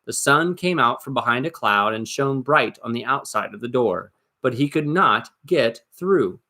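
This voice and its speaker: With a mid-range voice, a man reads a story aloud as a storybook reader would. His narration is dramatic and suspenseful, expressive throughout, with deliberate emphasis.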